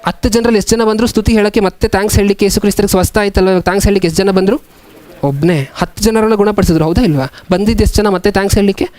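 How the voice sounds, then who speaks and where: Pastor guy preaching, fairly high voice, keeps asking the crowd questions, dry close sound. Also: darkish tone, no echo. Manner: asks the congregation many questions, reads scripture slowly. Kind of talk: sermon.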